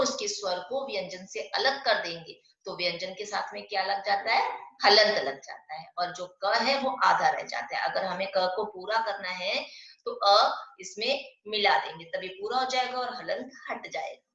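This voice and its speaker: A woman teaching an online Hindi class to young pupils. She explains step by step, asks questions and answers them herself, and slows down to stress the sounds of example words. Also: medium pitch, a bit bright. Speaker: primary school Hindi teacher. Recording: echoey, dull lo-fi room sound.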